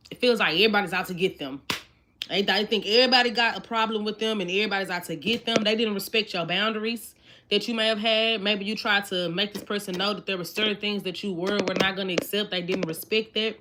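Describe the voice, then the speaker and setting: With a mid-range, somewhat bright voice, a twenty-something woman gives a relaxed tarot reading. She talks straight to her audience, chatty and repetitive. Shuffling cards and clicks come through clearly.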